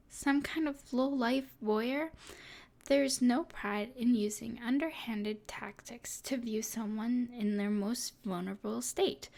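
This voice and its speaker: Breathy and haughtily mysterious, a woman plays a teasing, self-satisfied evil sorceress in an intimate ASMR roleplay. Her voice runs somewhat high and feels a little mellow.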